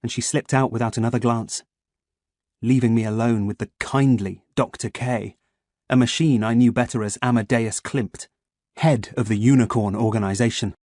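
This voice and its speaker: A man narrating a first-person audiobook in a measured, expressive storytelling manner. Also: medium pitch, no room sound, clean studio sound.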